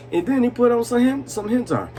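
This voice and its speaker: A man in his twenties telling personal stories in a casual, profane, slangy way, tipsy and rambling with chuckles. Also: very high voice. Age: 20s. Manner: slangy, repeats "you know what I'm saying". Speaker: storytelling vlogger. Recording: noisy room with steady background noise.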